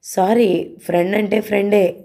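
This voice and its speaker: A woman's voice: mid-range voice, fairly even intonation, moderate pace, creaky, warm tone. A woman voicing a flirtatious, self-pitying middle-aged married man who sighs about his life.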